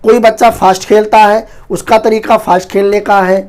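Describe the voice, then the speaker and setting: A man teaching an online exam-prep Hindi lesson, talking very fast and loudly and often calling the viewers his friends. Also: sits high, flat delivery. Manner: fast, rapid-fire delivery; loud, near-shouting teaching.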